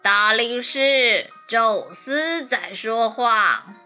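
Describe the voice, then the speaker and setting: A woman voicing a mysterious, commanding voice that claims to be a god, speaking deliberately in a storybook. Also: on the high side, expressive, sharp tone, faint music behind, heavily acted.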